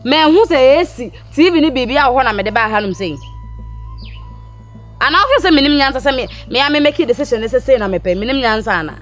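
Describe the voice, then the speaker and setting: A woman acting as an indignant young girlfriend with a Ghanaian accent, her voice a little higher than most women's. She talks back with complaint as music runs softly behind her. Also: lively intonation, fast talker. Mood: defiant. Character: fed-up young girlfriend defending herself. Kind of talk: comedy skit acting.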